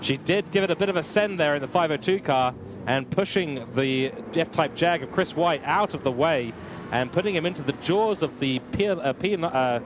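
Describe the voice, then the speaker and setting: A young man commentates a virtual motor race with steady energy that lifts at each incident. His voice sits a little high and sounds slightly worn. Constant car engine noise runs clearly behind him. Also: normal speed. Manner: energetic, rising with excitement at incidents. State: losing his voice. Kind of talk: live sim racing commentary.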